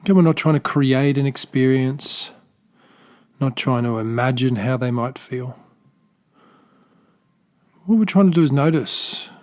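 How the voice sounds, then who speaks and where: A meditation teacher with an Australian accent guides a body scan slowly and softly, his voice in the middle pitch range. His gentle, loosely worded, unscripted instructions have small restarts and are separated by long pauses.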